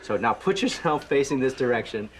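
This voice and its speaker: A man's voice: medium pitch, expressive, fairly quick, a crowd in the background. A man directing someone casually, coaxing and joking. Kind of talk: casual instruction. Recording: noisy room recording.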